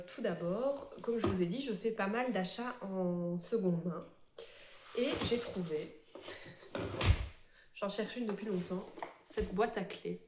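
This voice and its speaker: A woman chatting casually to camera about her embroidery, full of fillers and quick self-corrections. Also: mid-range voice, darkish tone. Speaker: cross-stitch vlogger. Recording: echoey room.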